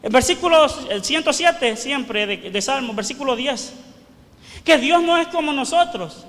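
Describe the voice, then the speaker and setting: A man's voice: extremely high pitch, lively intonation, normal speed, a bit bright, big-room sound. A man preaching a fervent sermon as pastor, questioning his congregation and crying out the words of those he quotes. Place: church.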